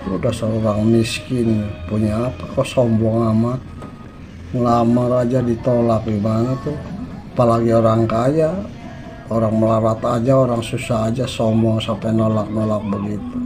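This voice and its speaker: A man's voice: mid-range voice, unhurried, music in the background, close to an everyday voice. A man voicing a proud, easily offended wealthy village man. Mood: bitter.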